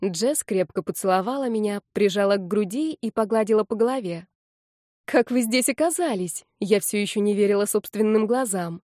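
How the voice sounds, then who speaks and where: A woman's voice: medium pitch, fairly quick, hardly any pauses, dark tone, no room sound, clean studio sound. Woman narrating a wry audiobook. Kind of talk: first-person audiobook narration.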